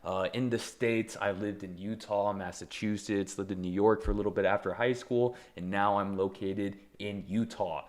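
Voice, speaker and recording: A young man hosts a solo motivational podcast, talking energetically with a fairly low voice. He leans hard on emphasis and slips in self-deprecating asides as he goes. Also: fairly even intonation, moderate pace, hardly any pauses. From Taiwan. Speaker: podcast host.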